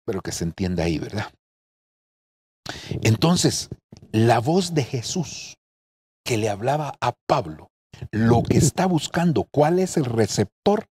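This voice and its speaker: A man's voice: medium pitch, very animated, takes it slowly, long pauses, dark tone, breathy edge. A middle-aged man preaching a sermon from home as a pastor, earnest and addressing his listeners directly.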